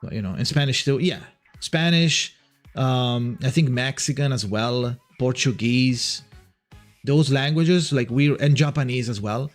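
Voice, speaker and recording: This livestream host, an Italian man with a matching accent, speaks at a measured pace in a mid-range voice while soft music plays. He chats casually, reading his viewers' messages out loud, rambling and restarting often.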